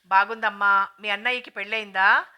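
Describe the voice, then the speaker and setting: A woman's voice: medium pitch, fairly even intonation, a little fast, sharp tone. A woman reading the lines of a curious, motherly older aunt who asks question after question. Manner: inquisitive, questioning.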